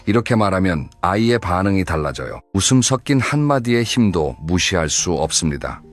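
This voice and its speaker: A man narrating a scripted advice talk in a calm, measured, instructive way. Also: low-pitched, soft background music.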